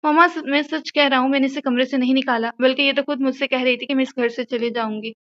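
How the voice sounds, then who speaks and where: Audio-novel part: a brusque young husband, read by a woman with a high, bright voice, curt and commanding. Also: fairly even intonation, fast, lo-fi sound.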